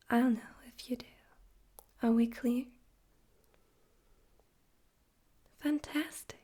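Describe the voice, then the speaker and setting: Woman whispering as Alastor, a slow, suave demon overlord. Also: a little high, warm tone. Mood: coolly threatening. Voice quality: breathy whisper. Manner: slow, condescending, teasing, deliberate. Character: suave, amused, menacing male demon overlord of hell. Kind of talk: whispered ASMR roleplay.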